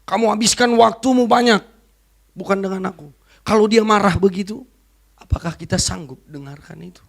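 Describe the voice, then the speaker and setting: A woman evangelist giving an emotional sermon testimony to a church congregation, swinging from loud to hushed. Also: medium pitch, normal speed, gravelly. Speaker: evangelist preacher. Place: church service.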